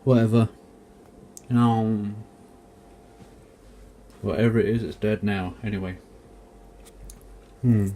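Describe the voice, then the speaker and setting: A man's voice: lowish voice, fairly even intonation, takes it slowly, long pauses, dark tone, a little hiss or hum. A man giving casual, rambling commentary as a video host, grumbling and poking fun at himself with mild swearing. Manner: self-mocking, grumbling, mildly sweary.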